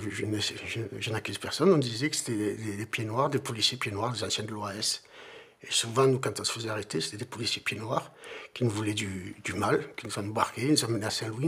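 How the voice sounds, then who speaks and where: An older man giving an earnest interview testimony, halting at times and repeating words. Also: lowish voice, fairly bright tone, breathy edge.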